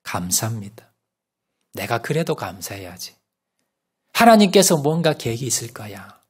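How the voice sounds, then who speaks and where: A man preaching from the pulpit, voice of middling pitch that ranges widely as he tells his story. He swings between loud, raised phrases and quiet, slow drops. He keeps turning to the congregation with rhetorical questions. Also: very animated, husky. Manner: storytelling with sudden loud rises and soft drops. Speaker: pastor. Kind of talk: sermon.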